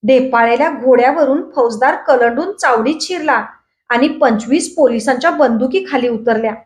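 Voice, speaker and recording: Marathi lady telling a dramatic story, high voice, roomy echo. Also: normal speed. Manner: expressive, raises voice for characters' shouted lines.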